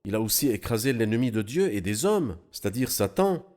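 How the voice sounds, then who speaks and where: A man explaining Bible passages in an animated, teaching manner during a studio discussion. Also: fairly low pitch, fairly quick.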